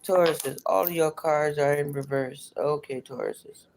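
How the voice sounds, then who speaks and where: A woman's voice: low voice, steady tone, measured pace, darkish tone, a little hiss or hum, poor audio. A middle-aged or older woman with toothless, slightly slushy articulation, chatting casually as she reads tarot on a livestream and repeating her phrases. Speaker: tarot card reader.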